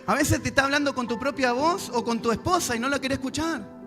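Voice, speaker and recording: A man's voice: extremely high pitch, fast. A male pastor, preaching a sermon to a congregation and acting out prayers and God's replies. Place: church service. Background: music.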